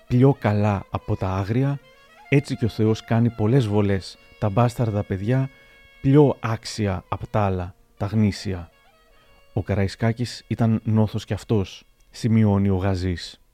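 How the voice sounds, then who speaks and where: A man narrating historical anecdotes aloud in a measured, storytelling manner. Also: fairly low pitch, dark tone, faint music behind.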